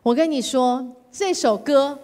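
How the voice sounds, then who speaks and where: A woman giving a sermon testimony, telling her story in a lively, dramatized way and acting out her own pleading. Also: high-pitched, measured pace. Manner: animated storytelling, acts out her own whining. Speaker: guest preacher. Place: church sanctuary. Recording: church hall reverb.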